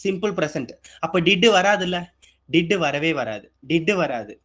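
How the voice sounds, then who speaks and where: A man's voice: on the high side, lively intonation, normal speed, a bit bright. A man teaching an exam-prep grammar lesson, asking his students questions and repeating key points. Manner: asks students questions and answers them, repetitive.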